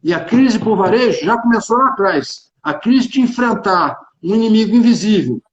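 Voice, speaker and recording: Here the man's voice sits high, with lively intonation at a moderate pace. He's a Carioca from Rio de Janeiro, a tax consultant and executive speaking Brazilian Portuguese emphatically and informally on a business livestream, often repeating himself. The recording is echoey, dull and band-limited.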